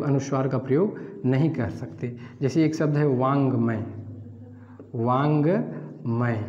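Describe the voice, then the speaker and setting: A man's voice: medium pitch, a little mellow. A man explaining grammar as a teacher, step by step, repeating words and asking questions back. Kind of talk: Hindi grammar lesson. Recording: dull, echoey, roomy sound.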